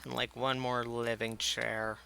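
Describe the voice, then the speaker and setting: A man's voice: medium pitch, little pitch movement, measured pace, creaky, sharp tone. A tired man chatting casually with his viewers during a live game stream, rambling and poking fun at himself. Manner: chatty, rambling, self-mocking, talks to chat.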